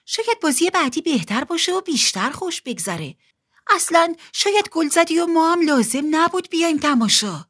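A woman's voice: very high-pitched, very animated, a bit bright, pitched above the performer's own voice, heavily acted. A woman voicing a blunt, cheeky older brother in a storybook reading, teasing.

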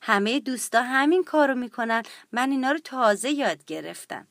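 A woman's voice: on the high side, animated, fairly bright tone, no echo, studio quality. A woman voicing a small, lonely young creature in a children's story, in a sweet childlike way.

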